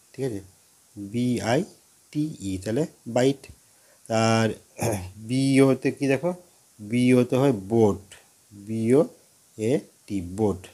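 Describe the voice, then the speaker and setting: A man's voice: mid-range voice, warm tone. A man teaching pronunciation, spelling words out letter by letter and checking with the listener often. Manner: explains patiently, spelling words out letter by letter, with frequent check-ins. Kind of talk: lesson.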